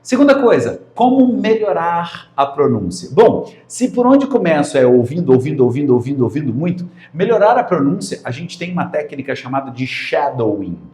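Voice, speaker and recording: A man from Brazil teaching an English lesson on video, lively and emphatic, often repeating key words. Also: on the high side, moderate pace, few pauses. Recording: roomy echo.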